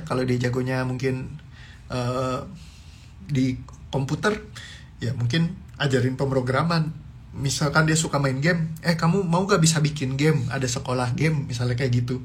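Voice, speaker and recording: A man giving a motivational talk to parents in a chatty, animated way, laughing often and dropping in English words. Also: medium pitch, slight background noise. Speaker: parenting speaker.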